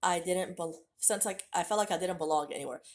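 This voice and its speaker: Speaking fairly quickly in a lowish voice, an American woman in her late 30s shares her life story with her viewers. This vlogger keeps it candid and conversational, talking straight to camera in a casual vlog.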